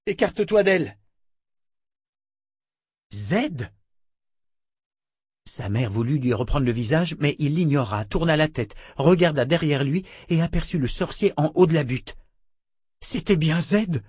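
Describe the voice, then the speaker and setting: A man giving a measured, dramatic reading of a fantasy novel as an audiobook narrator. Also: fairly high pitch, darkish tone, breathy edge, dry recording, studio quality.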